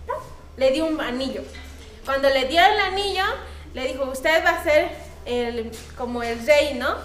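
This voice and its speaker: A woman from Bolivia teaching children at church, telling stories in an animated way, acting out voices and asking the children questions. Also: high voice. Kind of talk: storytelling to children. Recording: echoey room.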